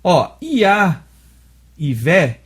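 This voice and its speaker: A man's voice: fairly high pitch, big pitch swings, extremely slow, breathy edge. A man with a Brazilian Portuguese accent, teaching a religious lesson step by step and often checking that his listener follows. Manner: explains step by step, often checks understanding with tag questions. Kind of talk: explanatory dialogue lesson.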